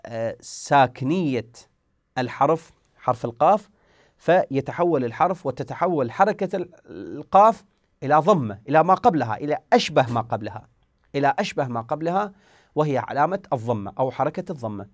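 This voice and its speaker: A man's voice: medium pitch, dry recording, studio quality. A man teaching a Quran recitation lesson. He asks questions and answers them himself, and sounds out letters to demonstrate.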